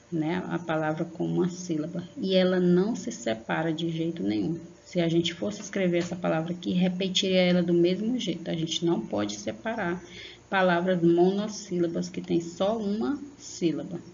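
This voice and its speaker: A woman teaching young children in an online lesson, patient and slow, stretching out example words and checking in often. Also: on the low side, steady tone, creaky, muffled recording, a little hiss or hum. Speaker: primary school teacher.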